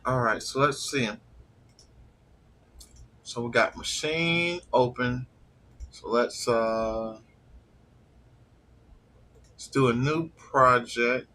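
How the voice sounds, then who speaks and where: A man's voice: mid-range voice, extremely slow, long pauses, bright, forceful tone, slight background noise. A man with a stuffy nose from allergies, chatting casually and rambling during a live stream. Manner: laid-back, trailing off with fillers. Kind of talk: casual rambling chat while eating.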